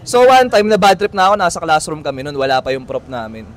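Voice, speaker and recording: A man with a fairly high voice tells a personal story on a podcast, lively and animated, full of fillers and quick restarts. He sounds like a host chatting casually with friends outdoors on a street.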